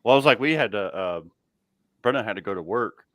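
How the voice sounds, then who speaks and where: A man's voice: fairly low pitch, lively intonation, brisk, a bit bright, no room sound. A middle-aged man, hosting a casual live chat and telling laughing stories. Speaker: livestream host. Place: home garage.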